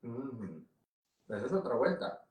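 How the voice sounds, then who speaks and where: A man's voice: mid-range voice, very animated, unhurried, a little mellow, far from the mic. A young man, a psychologist, thinking aloud in a casual family conversation. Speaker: psychologist, guest. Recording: roomy echo.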